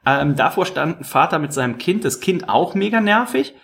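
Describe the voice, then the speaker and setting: A man hosts a casual podcast chat in a slightly high voice. His pitch swings widely as he tells rambling, animated stories. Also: normal speed, gravelly, slight background noise. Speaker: podcast host.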